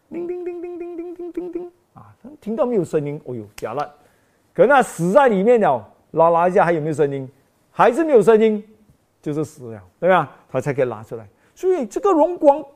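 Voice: medium pitch, darkish tone. A preacher telling a storytelling sermon, acting out scenes with exclamations and sound effects and asking the congregation rhetorical questions.

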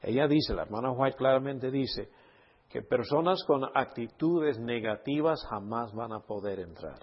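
A man's voice: medium pitch, lively intonation, measured pace, breathy edge, highs cut off. A man speaking as a pastor in a Bible study sermon, emphatic, posing rhetorical questions and checking in with his listeners.

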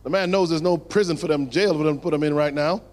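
Male preacher, high voice, dramatic pauses, drops low for emphasis, long hall reverb. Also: a little mellow. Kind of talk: sermon.

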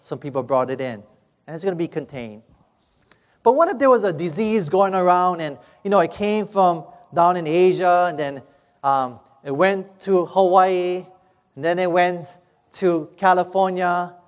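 A man preaching a sermon, telling a parable in a dramatic, emphatic way and slowing down on key words. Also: sits high. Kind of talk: sermon storytelling. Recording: echoey hall.

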